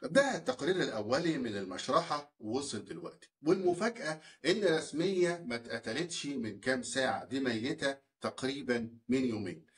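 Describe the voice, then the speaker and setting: A man's voice: mid-range voice, expressive, fairly quick, close to an everyday voice. A man reading the part of a stern Egyptian police officer in a crime story, pressing hard for the truth. His voice rises and falls with intent.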